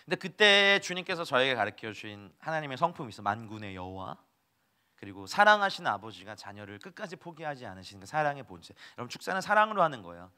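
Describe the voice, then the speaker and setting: A man's voice: mid-range voice, sing-song, fast, few pauses, sharp tone. A man preaching a sermon as a missionary, telling stories animatedly, acting out dialogue and laughing often.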